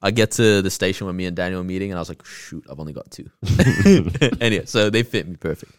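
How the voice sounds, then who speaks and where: A man's voice: deep voice, fast, clean tone, dry recording, studio quality. A young man co-hosting a podcast, telling stories in a slangy, matey way. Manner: slangy, matey, lots of bro. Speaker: podcast co-host. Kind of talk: casual chat, telling anecdotes.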